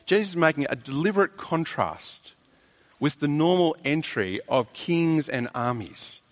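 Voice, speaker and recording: A man's voice: on the high side, lively intonation, unhurried. Emphatic man preaching a sermon. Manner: emphatic, rhetorical questions, repeats words.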